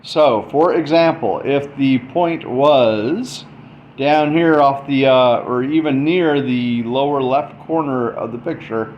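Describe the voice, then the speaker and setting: In this informal math explainer, the male presenter thinks aloud as he demonstrates, speaking in short stop-start fragments. His mid-range voice moves slowly. The sound is from a dull lo-fi mic, with faint noise in the background.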